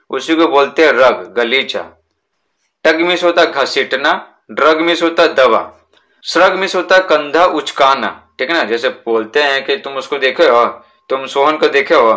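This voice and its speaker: A man teaching a school lesson in Hindi. He repeats words slowly and asks and answers his own questions. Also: medium pitch, sharp tone.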